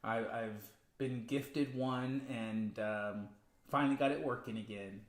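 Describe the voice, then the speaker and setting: A man co-hosting a casual spiritual livestream, emphatic and quick to laugh. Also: medium pitch, roomy sound. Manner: animated, laughs often, emphatic. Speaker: co-host.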